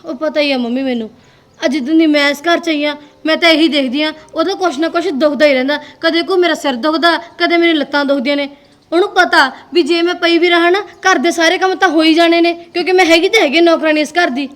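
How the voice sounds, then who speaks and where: An actress playing a resentful young daughter-in-law who argues and complains. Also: female voice, high-pitched, fast talker, fairly bright tone. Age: young adult. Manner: complaining, argumentative.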